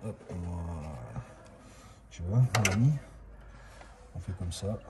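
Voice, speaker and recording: A man walks through a car repair in a casual, chatty way, dropping filler words as he goes. His voice sits on the low side. The garage recording is noisy. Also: takes it slowly. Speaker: amateur mechanic host. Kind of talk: casual how-to commentary.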